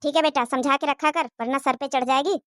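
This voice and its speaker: Bossy cartoon mother-in-law , played by a woman, nagging and taunting. Lower than the performer's own high voice, dry recording. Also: fairly even intonation, brisk, fairly bright tone, no room sound. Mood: scolding.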